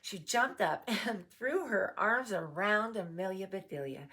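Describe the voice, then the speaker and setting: Slow, lively woman reading a storybook. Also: medium pitch, husky. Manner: slow, animated, chatty asides. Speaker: storybook reader. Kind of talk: reading a picture book aloud to a dog.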